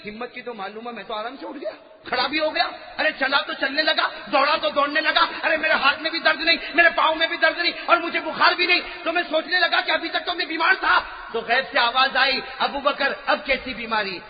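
A man preaching a sermon, telling a story and swinging from hushed tones to shouting. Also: extremely high pitch. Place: large hall with audience. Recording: echoey hall, lo-fi, crowd.

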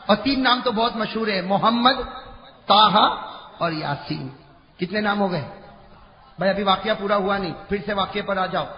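A man preaching an impassioned sermon to a large gathering, swinging between shouting and hushed talk and prompting the crowd to answer back. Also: sits high, long pauses, a little hiss or hum. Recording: echoey, dull-sounding hall recording with faint crowd.

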